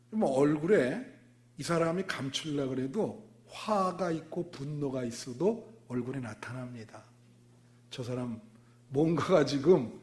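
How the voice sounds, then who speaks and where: A man in his sixties, a pastor, preaching a Sunday sermon in a church, talking conversationally and putting rhetorical questions to the congregation. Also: fairly high pitch. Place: church sanctuary.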